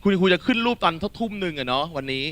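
A man teaching a lively exam-prep lesson to a hall of students, quizzing them and calling them "child" in a coaxing, energetic manner. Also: high-pitched, quick pace. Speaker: Thai tutor.

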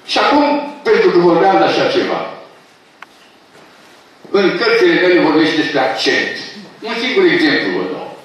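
An older professor presents his books at a launch, lecturing in a very echoey hall far from the microphone. His somewhat bright, high-leaning voice is very animated and pauses often, pedantically correcting word usage and bursting into emphatic objections.

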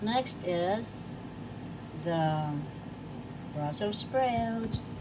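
A woman's voice: medium pitch, lively intonation, very slow. An older woman from the Philippines, cheerfully talking through a home cooking demonstration and listing each ingredient. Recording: home recording with audible background noise.

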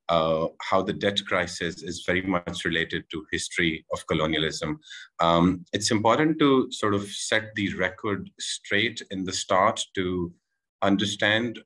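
A man in his forties from Pakistan, giving a measured panel talk over a video call, with many pauses and restarts. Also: low voice, fairly bright tone, rough recording. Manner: measured, with frequent filler "uh" and restarts. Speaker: panel speaker. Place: room at home with window. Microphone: video call, laptop camera.

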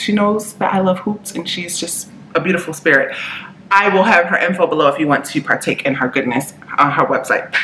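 Woman, 30s, chatty, slangy, bright tone, echoey room. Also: medium pitch, a little hiss or hum. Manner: chatty, upbeat, slangy asides. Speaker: personal finance vlogger. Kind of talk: casual chat to camera.

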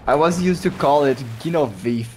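A man's voice: fairly low pitch, slow pace, darkish tone, slight background noise. Guy streaming a game, laughs a lot, quotes villains, takes his time talking. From Brazil. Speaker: gaming streamer. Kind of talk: casual gameplay chat with character impressions.

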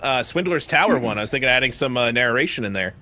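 A man hosts a gaming live stream, his bright voice leaping around in pitch. He reacts fast and excitedly to the race. He talks casually to friends over a headset. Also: slight background noise. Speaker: streamer host.

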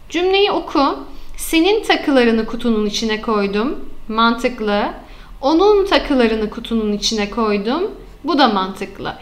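A woman teacher explaining sentence errors to students, asking them questions and then answering them herself, and slowing down to stress key terms. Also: high voice, fairly bright tone. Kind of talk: online grammar lesson.

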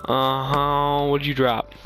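A man commentating his own gameplay, blurting excitable reactions and jokes at what happens on screen. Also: mid-range voice, slow pace, faint music behind. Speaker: gaming commentator. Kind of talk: let's play commentary.

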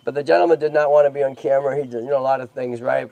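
Gravelly-voiced man chatting on a livestream. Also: medium pitch, steady tone, very fast, warm tone, no room sound. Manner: chatty, keeps checking in with "right?" and "okay?". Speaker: host of a tortoise rescue livestream. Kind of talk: casual livestream chat.

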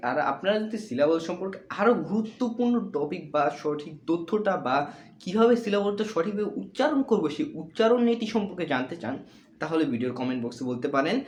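A man teaching a lesson, asking his own questions and answering them, often checking that the listener is following. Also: a little high. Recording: echoey room, faint noise.

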